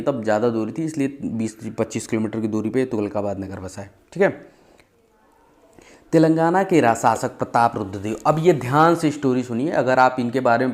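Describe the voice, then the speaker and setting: Man, history teacher, chatty storytelling lesson, mid-pitched voice. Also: a little mellow. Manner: conversational, repeats "ठीक है" often. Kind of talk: exam-prep history lesson told as stories.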